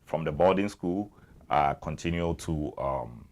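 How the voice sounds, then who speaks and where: A man's voice: extremely low pitch, lively intonation, a little slow, a little mellow, a little hiss or hum. A young Ghanaian man with a Ghanaian accent, talking at length as a guest in a casual interview and repeating his phrases for emphasis.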